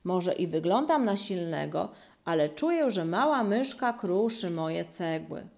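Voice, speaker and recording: Woman doing a sad old brick wall, resigned and slow, muffled. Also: lowish voice, expressive, vocal fry, darkish tone. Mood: sorrowful. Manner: sorrowful, resigned.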